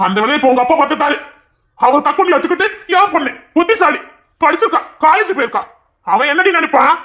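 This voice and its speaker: A possessive, quick-tempered young husband from an audio serial, played by a man. His voice sits high for a man and comes out quick and sharp as he scolds. The delivery is stern and controlling. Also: animated, heavily acted. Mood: jealous. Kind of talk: audio drama acting.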